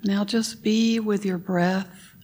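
A woman leading a guided meditation, giving gentle instructions and sometimes dropping to a whisper on the breath cues. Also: mid-range voice, steady tone, takes it slowly.

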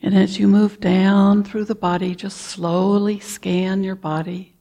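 A woman leading a guided meditation, talking softly and calmly, with frequent throat clearing. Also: medium pitch. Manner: slow, soft-spoken and calm, with frequent throat clearing. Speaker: meditation teacher.

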